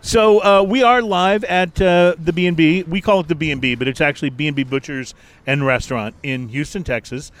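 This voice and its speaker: A man's voice: fairly high pitch, fairly quick. An American man hosting an unscripted talk show in a chatty, upbeat way. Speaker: podcast host. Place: outdoor restaurant terrace.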